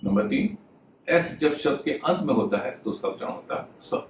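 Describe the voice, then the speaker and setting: A man's voice: fairly high pitch, very animated, creaky, slight background noise. Man teaching pronunciation, roomy sound. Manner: slow, methodical, spells out words letter by letter. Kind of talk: explanatory video lesson. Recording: roomy, slightly distant mic with faint ambience.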